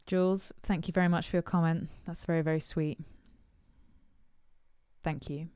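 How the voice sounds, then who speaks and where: A woman's voice: low-pitched, fairly even intonation, moderate pace, warm tone, clean tone, no echo, clean studio sound. A woman musician answering her supporters' questions in casual chat, thoughtful and hesitant with many ums and uhs.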